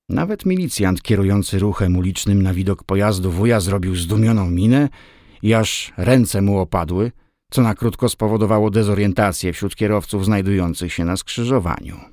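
An audiobook narrator, a man with a low voice, delivers scripted narration in a steady, measured way. The recording is close and dry, with no room sound.

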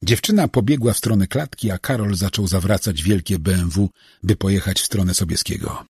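A man reading a novel aloud as narrator, telling the story in a measured way and giving voice to each character. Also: low voice, a little mellow, slightly rough, dry recording, clean studio sound. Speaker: audiobook narrator. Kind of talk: scripted narration.

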